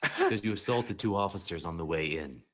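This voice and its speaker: A stern, weary town guard who lectures a prisoner in an officious way, played by a man. The voice sits very low. It is part of a live tabletop game. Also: animated, moderate pace, fairly bright tone.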